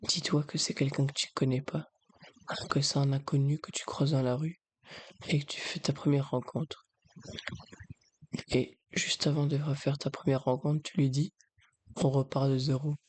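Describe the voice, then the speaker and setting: A man with a breathy voice, speaking softly in an ASMR style as he advises the listener. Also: mid-range voice, level tone, moderate pace, long pauses. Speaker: ASMR video creator. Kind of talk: soft-spoken ASMR, advising the listener directly.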